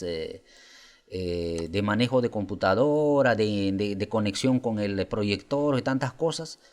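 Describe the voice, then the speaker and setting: A man presenting a software tutorial, explaining step by step and asking viewers rhetorical questions. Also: mid-range voice. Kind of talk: screen-recorded software tutorial.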